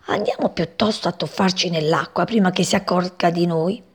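A woman's voice: lowish voice, normal speed, breathy edge. A woman voicing a cocky, mocking male frog in a storybook, answering back with scoffing retorts.

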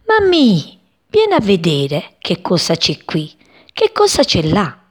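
A woman voicing an excited little male sparrow chick who asks eager, breathless questions. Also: medium pitch, slow, husky, heavily acted.

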